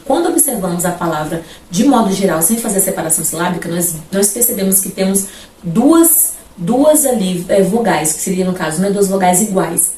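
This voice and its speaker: A woman teacher, explaining a grammar lesson and repeating example words slowly. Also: medium pitch, a little mellow. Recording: roomy, from a distance, faint background noise.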